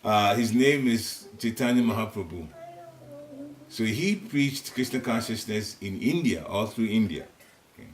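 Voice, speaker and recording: Leading a home devotional class, an older Ghanaian man speaks in a Ghanaian accent with a fairly low pitch, lively intonation, and an unhurried manner. The informal spiritual teaching is chatty and rambling, with chuckles thrown in, set in the living room of a private home. He is seated and recorded by a distant room recorder, giving roomy audio with faint hiss.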